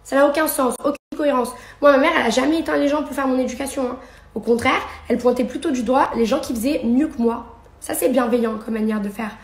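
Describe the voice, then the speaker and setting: A woman's voice: sits high, roomy sound. A young woman and reality TV personality ranting sarcastically in a social media story, talking into her phone. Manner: indignant, sarcastic, rapid-fire. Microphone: phone held at arm's length.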